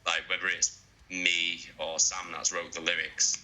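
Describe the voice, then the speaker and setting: A deep-voiced man chats about his band in an interview. His tone is sharp and forceful, with a lot of swearing and laughter. He tells stories with excitement. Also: measured pace, a little hiss or hum, poor audio. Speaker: band member being interviewed. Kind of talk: casual interview chat.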